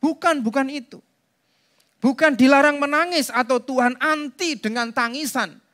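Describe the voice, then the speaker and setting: A man's voice: extremely high pitch, normal speed, sharp tone. A man preaching a sermon as pastor, talking conversationally to the congregation and slipping into asides. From Indonesia. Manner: conversational preaching, addresses congregation directly, drops into Javanese asides.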